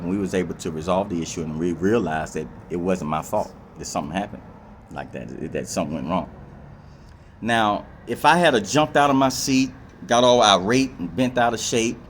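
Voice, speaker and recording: A man talks through casual life advice in a lowish voice, circling back with fillers and repeats. Clear background noise sits under him, with vehicles passing. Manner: rambling, repetitive, with many fillers and acted-out quotes. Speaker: vlogger.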